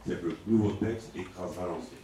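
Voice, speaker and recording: Deep man in cathedral-like echo. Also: mellow. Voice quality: measured, formal, reads out legal wording. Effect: heavy cathedral-like echo, voice heard from far off in a large hall. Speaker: municipal councillor. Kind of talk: formal reading of amendments at a council meeting. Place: large echoing council chamber. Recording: very echoey distant hall recording with faint noise.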